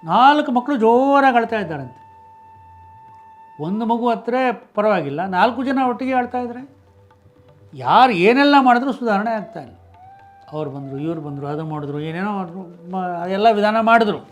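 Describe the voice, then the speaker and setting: A man with a high voice tells a devotional story in a relaxed, animated, conversational way. He often breaks off a word and starts it again. Soft music plays faintly behind him. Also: moderate pace, pauses often. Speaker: religious discourse speaker.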